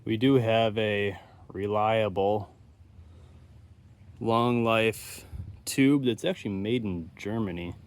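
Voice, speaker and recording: The host of an electronics repair channel offers casual, hands-on commentary, musing aloud in a laid-back manner. His voice is fairly low, slow, and full of frequent pauses.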